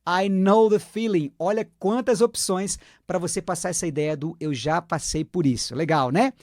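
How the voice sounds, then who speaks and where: A man teaching English phrases in Portuguese, slowing down and repeating each phrase for practice. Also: a little high, a little mellow, no room sound, clean studio sound. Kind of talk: language lesson.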